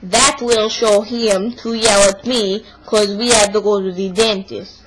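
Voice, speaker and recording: A young woman with a steady, mid-range voice performs a lightly acted comic monologue as a stubborn young Russian woman, using a put-on Russian accent. She sounds indignant, complaining in exaggerated broken English with dropped articles. It was captured on a noisy home video.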